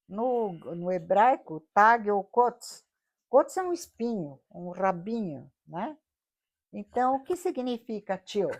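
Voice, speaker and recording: A Brazilian woman of middle age leads a Bible study lesson in a warm, mellow voice. She explains step by step, checks in with her listeners and poses rhetorical questions as she goes. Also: on the high side. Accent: Brazilian Portuguese. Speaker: Bible teacher.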